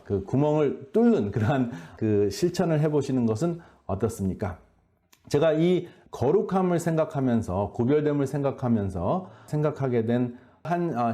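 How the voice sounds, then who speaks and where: A man giving an earnest, measured faith-based health lecture, often pausing on hesitation sounds. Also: medium pitch, warm tone. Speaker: lecturer at a health boot camp.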